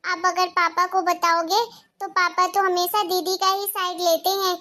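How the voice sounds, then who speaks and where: This is a jealous, scheming little girl in a cartoon, played by a woman. She whines and tattles in a very high, thin childish voice, always pleading with her mother against her sister. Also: little pitch movement, normal speed, sharp tone. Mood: tattling, whiny.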